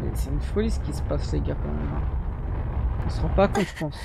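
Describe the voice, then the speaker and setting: A woman's voice: rumbling low, huge pitch swings, a little fast, vocal fry, heavy background noise. A woman hosting a reaction video, commenting casually in slangy, exclamatory bursts. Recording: music from the show behind.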